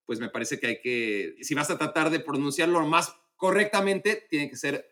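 A man co-hosts a casual football podcast. His voice sits a little high, and he explains points at length, often restarting mid-sentence. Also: normal speed, a bit bright. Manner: talkative and explanatory, many restarts. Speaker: podcast co-host.

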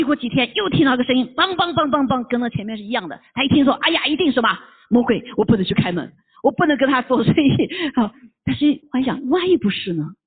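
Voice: mid-range voice, slightly rough. A preacher telling a parable in a sermon, acting out knocks and fights with sound effects and asking the listeners rhetorical questions again and again. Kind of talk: storytelling sermon. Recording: tinny phone-like recording.

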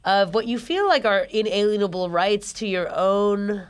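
A woman's voice: medium pitch, normal speed, clear, resonant tone. A woman co-hosting a podcast, speaking in a reflective, informal way and swearing now and then. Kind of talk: casual discussion.

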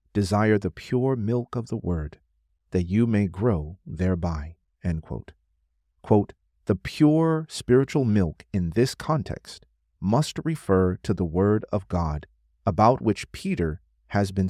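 A man reading a scholarly religious text aloud as scripted narration, in a formal, measured manner. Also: lowish voice, a little mellow, no echo, clean studio sound. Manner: formal, measured, announces quotations.

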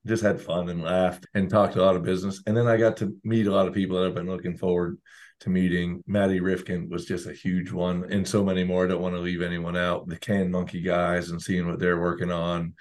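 Hoarse low-voiced man with a cold. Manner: chatty, self-deprecating. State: hoarse, sick voice. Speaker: podcast co-host. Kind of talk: casual chat.

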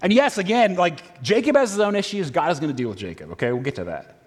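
Lively high-voiced man preaching casually. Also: quick pace, husky. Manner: casual, animated, many fillers and restarts. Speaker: pastor. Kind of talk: conversational sermon. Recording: reverberant hall.

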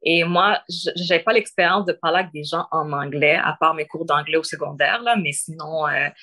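A young woman in her twenties with a Québécois French accent answers interview questions as a guest. Her voice is low and sharp at a moderate pace, and she responds thoughtfully with frequent hesitations, fillers and restarts.

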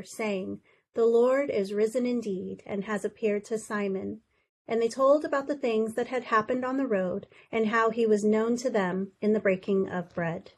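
A woman's voice: on the high side, poor audio. A woman giving a formal scripture reading and liturgical responses at an evening prayer service.

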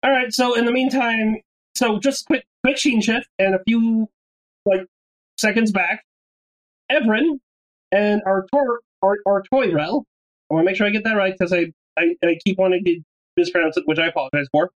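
A woman game master narrating casually, halting and rephrasing as she goes, with a joking streak. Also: mid-range voice, low-quality recording.

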